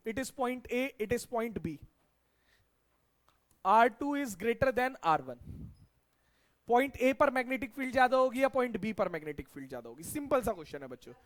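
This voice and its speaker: A middle-aged man teaching a science class, asking his students questions and repeating the key answers back to them. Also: very high voice.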